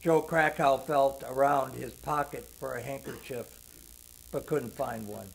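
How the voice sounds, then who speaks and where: An older man narrating a sentimental story in the first person, slow and heartfelt. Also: mid-range voice, fairly even intonation, gravelly, low-quality recording.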